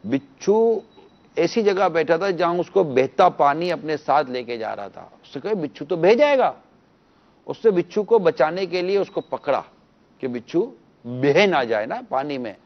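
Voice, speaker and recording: A man's voice: fairly high pitch, animated, muffled recording. A man speaking as a religious scholar on a TV panel, earnestly pleading with viewers and teaching through parables.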